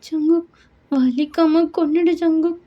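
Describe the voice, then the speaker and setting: A woman's voice: extremely high pitch, fairly even intonation, unhurried, muffled recording, voice pushed up. A woman voicing a desperate young daughter who pleads through tears. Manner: pleading, tearful. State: crying.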